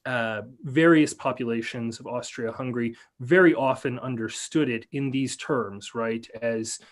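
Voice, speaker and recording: A man lecturing on a video call, reading a prepared paper in a measured way and then answering questions with many fillers and restarts. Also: medium pitch. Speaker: lecturer and researcher.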